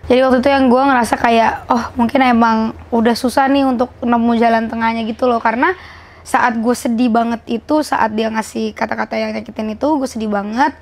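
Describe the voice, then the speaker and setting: A woman's voice: fairly high pitch, fairly even intonation, brisk. A woman, hosting a candid conversation and reflecting emotionally in informal slang. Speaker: host.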